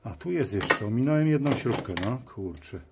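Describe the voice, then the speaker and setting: A video host with a medium-pitched voice talks at a normal speed with lively intonation, muttering to himself in short, informal phrases as he works. It's a casual running commentary at a cluttered indoor workshop bench, and the recording is clear, with background noise and clicks from tools and parts.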